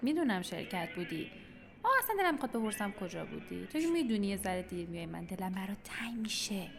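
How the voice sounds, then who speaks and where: A woman's voice: medium pitch, sing-song, creaky. Woman playing a teasing, stubborn music teacher. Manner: playful teasing, then earnest pleading. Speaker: character in a radio drama. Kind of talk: radio drama acting.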